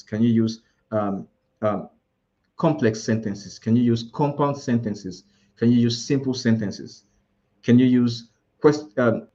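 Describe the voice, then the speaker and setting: A man with a Nigerian accent teaches a live IELTS preparation class, explaining scoring and listing alternative words, restarting often. His voice is mid-range with a darkish tone, and the recording has its highs cut off.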